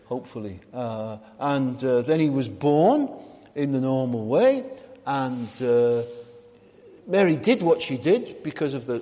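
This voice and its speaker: A man preaching a sermon in a conversational way, asking the listeners questions and pausing with ums and restarts. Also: on the high side, dark tone. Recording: long hall reverb.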